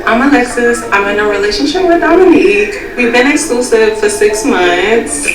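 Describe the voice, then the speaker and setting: A woman's voice: on the high side, moderate pace. A woman in her thirties talking earnestly and hopefully in a confessional interview. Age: 30s. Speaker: reality show participant. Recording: echoey, distant, music underneath.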